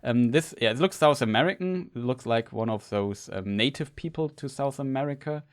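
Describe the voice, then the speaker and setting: A man's voice: mid-range voice, brisk. A man, an English speaker, chatting casually with viewers while live-streaming a game, rambling and restarting his sentences.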